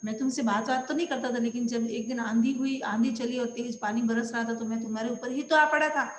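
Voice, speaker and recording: Brief: humbled lamppost, once proud, now grateful, read by a woman teacher, high voice. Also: fairly even intonation, fairly quick, reverberant, big-room sound, lightly acted. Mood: recalling.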